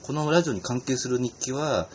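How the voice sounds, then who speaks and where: A man's voice: mid-range voice, a little fast. A man hosting a casual radio talk, rambling through stories with lots of fillers and small stumbles. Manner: animated, rambling storyteller with frequent fillers and stumbles. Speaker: podcast host. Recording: slightly dull audio with faint ambient noise.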